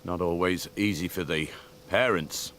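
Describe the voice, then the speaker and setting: A man's voice: deep voice, fairly even intonation, a little slow, fairly bright tone, slight background noise. A man giving live golf commentary in a conversational, observational way.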